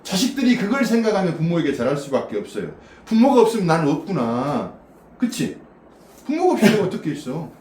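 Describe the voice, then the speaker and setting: Lively man preaching in a roomy hall. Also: fairly high pitch, fast. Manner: chatty, asks the listeners questions, laughs often. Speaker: pastor. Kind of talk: casual sermon to a small congregation. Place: small church room. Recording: roomy echo from a distant mic with faint background noise.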